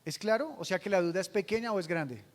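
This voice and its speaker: A man preaching a sermon as pastor, asking the congregation questions and swinging from hushed to loud. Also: high voice, quick pace, long reverb tail. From Colombia.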